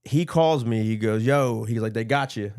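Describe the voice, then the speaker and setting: A man's voice: mid-range voice, moderate pace, a little mellow, clear, resonant tone, no room sound, studio quality. A man telling a story on a podcast in casual chat, acting out quotes and laughing often. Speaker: podcast co-host.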